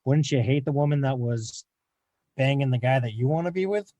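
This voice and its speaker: A man co-hosting a podcast, chatting casually about a film in a relaxed, agreeable way. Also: mid-range voice, fairly quick, dry recording. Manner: laid-back, agreeing with short interjections. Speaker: podcast co-host. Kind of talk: casual movie discussion.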